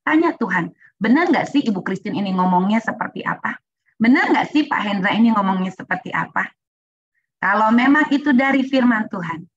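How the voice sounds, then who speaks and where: A woman teaching a church group, urging listeners earnestly, dropping in English phrases and pausing with frequent fillers. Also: medium pitch, highs cut off. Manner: earnest, exhorting, many "uh" pauses. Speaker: Bible teacher. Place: online worship meeting.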